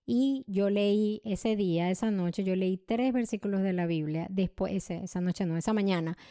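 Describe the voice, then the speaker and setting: A young adult woman hosting a podcast, telling a personal story in an emotional, halting way with many restarts and repeated words. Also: mid-range voice, dark tone, dry recording, studio quality. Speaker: podcast host.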